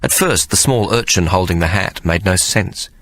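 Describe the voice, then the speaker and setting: A man narrating an audiobook in a measured storytelling manner. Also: sits low, fairly bright tone, dry recording. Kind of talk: scripted narration.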